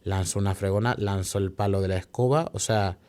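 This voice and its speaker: Venezuelan man telling his story, low voice. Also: steady tone, darkish tone, smooth. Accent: Venezuelan Spanish. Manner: emotional, fast storytelling with many restarts and tag questions. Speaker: podcast guest. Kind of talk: telling a personal story in an interview.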